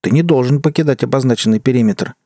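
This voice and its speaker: A man's voice: medium pitch, quick pace, warm tone, dry recording, clean studio sound, voice pushed up, natural voice. A man voicing a scornful otherworldly male tempter who taunts and warns, in an audiobook. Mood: mocking. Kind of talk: audiobook character voice.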